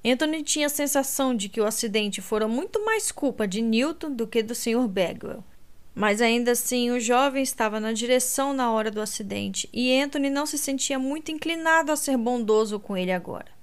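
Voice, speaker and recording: A woman narrating a romance audiobook in a steady, measured way. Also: on the high side, smooth.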